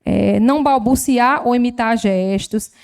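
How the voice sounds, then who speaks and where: Smooth, slightly high Northeastern Brazilian woman lecturing. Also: measured pace, darkish tone. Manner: didactic, explains with examples and diminutives. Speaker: health professional giving a talk. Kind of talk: lecture at a formal council session. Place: legislative chamber.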